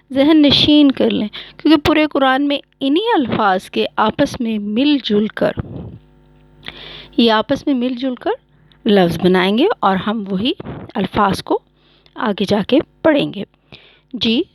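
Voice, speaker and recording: A woman's voice: on the high side, no echo, low-quality recording. A woman teaching Quran reading, patiently sounding out letters one by one and repeating them. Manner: slow and clear, repeats each letter sound. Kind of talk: patient step-by-step lesson.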